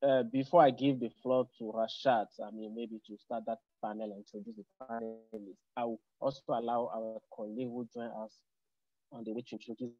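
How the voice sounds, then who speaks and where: A man's voice: mid-range voice, level tone, fairly quick, no room sound. A man moderating an online meeting as host, formal in tone, often hesitating and repeating words. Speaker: webinar host. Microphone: video call. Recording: dry, dull online call.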